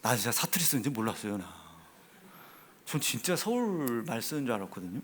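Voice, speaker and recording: A man with a Chungcheong Korean accent preaching a sermon in a church, swinging from hushed asides to loud, emphatic exhortation. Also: medium pitch, sing-song, brisk, slight background noise. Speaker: pastor. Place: church sanctuary.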